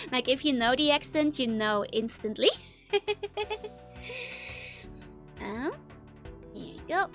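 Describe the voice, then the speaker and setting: This VTuber streamer from the Netherlands has a fairly bright voice that sits on the high side. With her Dutch accent, she rambles through casual gameplay talk, reads chat, and fills it with giggles and filler words.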